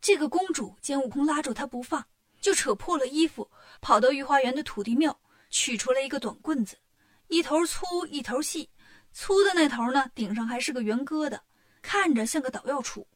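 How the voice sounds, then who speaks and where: High-voiced woman telling a children's story. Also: fairly quick. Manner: lively, expressive storytelling.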